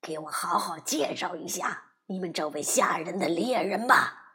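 A woman's voice: lively intonation, moderate pace, bright, forceful tone. Woman putting on a sneering big bad wolf. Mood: mocking. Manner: mocking, scornful, deep put-on voice. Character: sly boastful male big bad wolf. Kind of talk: storybook reading.

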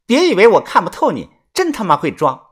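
A sulky, jealous young woman in a storybook, as a male narrator puts her on. She sounds cold and scornful, her high voice lively and fast. She hurls insults. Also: breathy edge.

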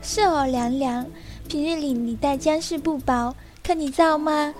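A woman's voice: sits high, moderate pace, a little mellow, faint music behind, lightly acted. A woman voicing a petulant young concubine who gossips in a pouty, sing-song way. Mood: gossiping.

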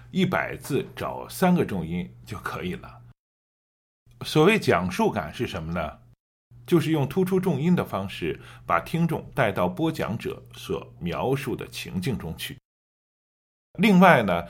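A man coaching audiobook narration, explaining patiently and reading example passages with drawn-out emphasis. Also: mid-range voice, huge pitch swings, slightly rough. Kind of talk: teaching with read-aloud demonstrations.

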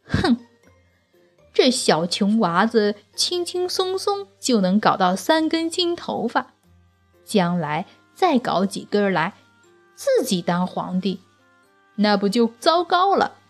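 A woman's voice: fairly high pitch, expressive, a little slow, long pauses, faint music behind, voice pushed up. A woman voicing a ruthless, greedy old emperor in a children's storybook, with a haughty, bullying manner. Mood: gloating. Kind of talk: storybook character voice.

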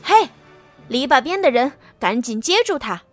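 A bossy male rabbit barks orders at his servants, as a woman reading a storybook puts him on. His voice is high and bounces around, and faint music plays underneath. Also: very animated, moderate pace, no echo. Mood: commanding. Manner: shouting orders.

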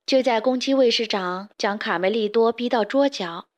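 A woman narrating a children's storybook in a clear, lively storytelling manner. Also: on the high side, moderate pace.

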